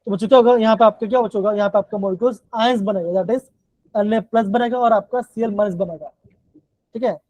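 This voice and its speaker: A man's voice: fast talker, a little mellow, no room sound. A male chemistry teacher with a Himachali Hindi accent, giving a live online class and repeating his questions to the students over and over. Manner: repetitive, keeps calling the students "बच्चों". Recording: dull, dry low-fi online class audio.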